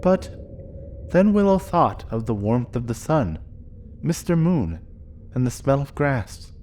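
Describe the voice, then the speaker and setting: Gentle man reading a storybook. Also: mid-range voice, unhurried, slight background noise. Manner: gentle expressive read-aloud. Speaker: narrator.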